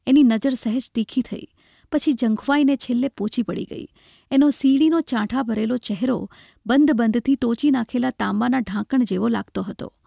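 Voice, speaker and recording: A woman reading a literary short story aloud in a measured, expressive way. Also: a little high, vocal fry, dry recording, studio quality. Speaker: narrator.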